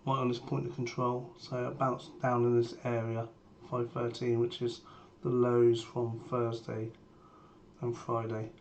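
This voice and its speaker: Male trader for live market commentary, voice strained by a sore throat, mid-pitched and level, brief and matter-of-fact, faint noise and typing behind. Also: unhurried, dull audio. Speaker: trader sharing a premarket plan. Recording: steady background noise, keyboard typing.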